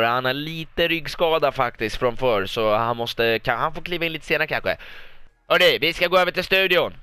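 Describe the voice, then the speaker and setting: A young Swedish man calls a football match like a broadcast commentator, bursting into loud repeated goal calls. His voice is bright and clean, a little high, close on the mic in a dry room. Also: clear, resonant tone, dry recording. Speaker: gaming YouTuber commentating his own match. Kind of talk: mock football commentary over gameplay.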